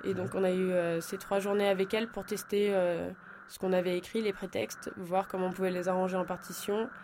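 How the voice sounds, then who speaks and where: A woman's voice: lowish voice, level tone, a little fast, a little mellow, slight background noise. A young woman, an art student, chatting casually in a radio interview with many hesitant fillers.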